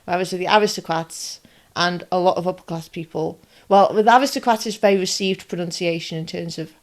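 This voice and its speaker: A podcast co-host with a lowish voice talks a little fast in casual conversation. She breaks ideas down with lists and comparisons and keeps asking whether it makes sense to her listener.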